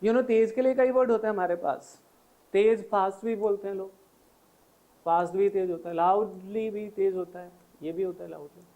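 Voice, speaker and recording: Indian english teacher guy, high voice but mellow, keeps repeating examples slowly. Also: fairly even intonation, poor audio. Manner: explains patiently with many repeated examples, slows down on English phrases. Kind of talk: spoken English lesson in Hindi with English examples.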